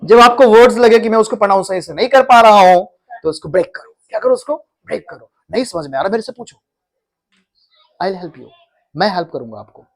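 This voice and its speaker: Tutor, quizzing style, repeats words, classroom lesson. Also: male voice, high-pitched, expressive, brisk. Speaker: English teacher.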